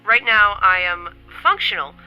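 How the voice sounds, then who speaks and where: Speaking at medium pitch with an expressive, unhurried delivery and a clean tone, a woman chats to the camera from her New York City home. She's upbeat and talkative but a little stuffy from a cold, with occasional coughs. The sound is lo-fi, and faint music plays behind her.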